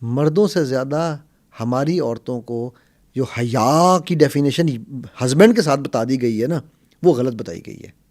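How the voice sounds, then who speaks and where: A man, explaining relationships as a coach in an emphatic, animated conversational way, slipping English phrases into his talk. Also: mid-range voice. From Pakistan. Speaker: mind coach and NLP trainer.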